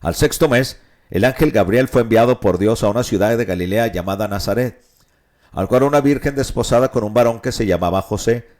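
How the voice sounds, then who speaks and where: A man's voice: on the low side, brisk, darkish tone. A male pastor teaching the Bible on radio, explaining passages, asking rhetorical questions and repeating his points. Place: radio studio.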